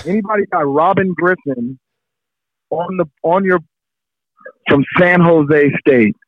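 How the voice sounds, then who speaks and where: Man voicing a brusque team official, shouting, hurried, higher-pitched, tinny phone sound. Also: no room sound, lightly acted. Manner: loud, hurried, shouting over a busy room. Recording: tinny phone-like line, dry.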